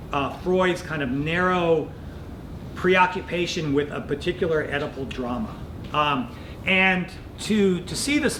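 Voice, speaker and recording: Higher-voiced male professor lecturing in echoey room. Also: a bit bright. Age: middle-aged. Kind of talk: lecture, explanatory teaching. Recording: echoey room with clear rumbling noise.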